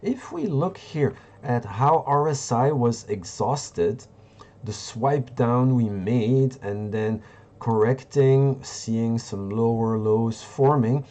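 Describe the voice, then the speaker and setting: Man from Belgium, hosting a live market stream; slow, mellow delivery, halting and full of fillers. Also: medium pitch. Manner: rambling, halting, many fillers and restarts. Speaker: livestream host. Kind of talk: live market analysis and chat.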